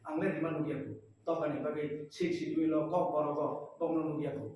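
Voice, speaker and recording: A man with a high voice speaks at a press conference, emphatic and repeating his points. He stands back from the mic in a very echoey room. Faint room noise sits behind him. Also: fairly even intonation, quick pace, a little mellow, far from the mic. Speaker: political speaker at a press meet.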